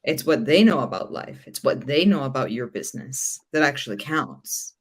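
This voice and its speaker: A woman's voice: a bass voice, lively intonation, normal speed, breathy edge. A woman hosting a podcast, asking curious questions and reflecting frankly in casual chat. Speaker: podcast host.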